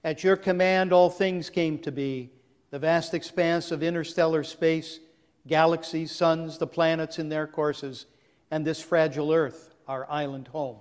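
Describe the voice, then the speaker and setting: A man, a priest leading a communion service, reciting the prayer in a slow, solemn, measured way, his voice carried by a long cathedral-like echo. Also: a little high, little pitch movement. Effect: long cathedral-like echo around the voice. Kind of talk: chanted liturgical prayer. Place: large church. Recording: long echo in a large church.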